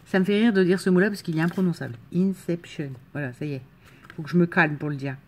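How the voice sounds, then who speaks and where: A woman's voice: on the low side, rapid-fire. A woman from the Marne with a slight northern French accent, chatting casually and enthusiastically as she unboxes crafts, with frequent fillers and laughs. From Marne, France. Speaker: crafting vlogger.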